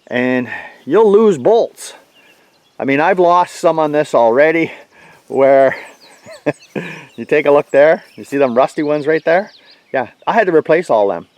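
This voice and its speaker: A man's voice: medium pitch, animated, measured pace, pauses often, a little mellow, dry recording. A man giving a blunt, folksy, plainspoken walkaround review of his tractor outdoors. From Canada.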